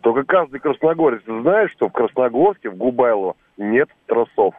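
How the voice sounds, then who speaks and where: A man's voice: mid-range voice, animated, moderate pace, no echo. Brief: male radio caller, rambling storyteller, tinny phone line, dry. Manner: rambling, repeats himself.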